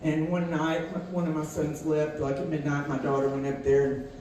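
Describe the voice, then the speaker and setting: A woman's voice: low-pitched, level tone, normal speed, mellow. Brief: woman comic, chatty and giggly, very roomy echo, faint hiss. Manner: chatty and self-amused, laughing often. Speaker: stand-up comedian. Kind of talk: stand-up storytelling. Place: comedy club stage. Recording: echoey room from distant mic with faint noise.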